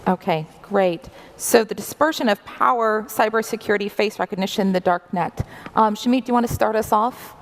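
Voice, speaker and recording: Woman, panel moderator, brisk, friendly. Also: mid-range voice.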